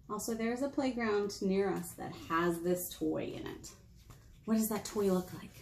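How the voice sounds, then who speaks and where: A woman in her thirties, a children's librarian, reads picture books aloud for kids in a lively, sing-song style with whispers. Her voice is mid-range and there's slight background noise. She's recorded close on a webcam in a small room.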